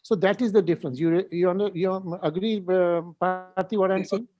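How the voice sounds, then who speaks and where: A senior neurosurgeon, insistent and lecturing in a heated panel discussion, repeating phrases for emphasis. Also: male voice, high-pitched, fairly even intonation, moderate pace, darkish tone, no echo, lo-fi sound.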